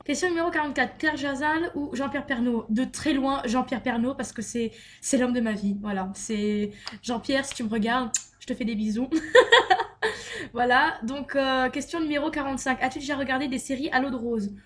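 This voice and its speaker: A young adult woman from Luxembourg, a beauty vlogger, reads tag questions aloud and answers them in a chatty, giggly manner. Her voice is high-pitched with fairly even intonation and a moderate pace, and she leans on fillers and "donc voilà" often.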